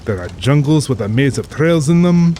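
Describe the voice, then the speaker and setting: Against rain and ambience, a man plays a middle-aged aristocratic general in a radio-style drama, urbane and cold-blooded with formal diction and a pompous, amused air, suave and boastful. His natural, expressive voice is medium male pitch with a dark tone and normal speed. There is a little hiss or hum.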